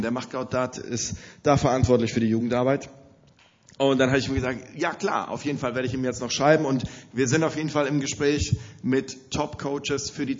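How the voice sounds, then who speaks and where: With a cold straining his voice slightly, a man energetically instructs the audience as host of a youth leaders' conference in a large hall. His voice is mid-range, and the recording's highs are cut off.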